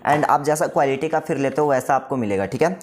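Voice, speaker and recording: A man's voice: medium pitch, quick pace, slight background noise. A man giving a casual product demo, explaining each step and often checking in with the viewer. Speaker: music shop staff demonstrating a keyboard. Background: faint keyboard tones.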